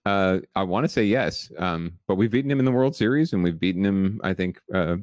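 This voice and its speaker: Deep-voiced man in casual sports chat. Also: lively intonation, a little fast, darkish tone, no room sound, clean studio sound. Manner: conversational, many fillers and restarts, wry humor. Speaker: podcast co-host.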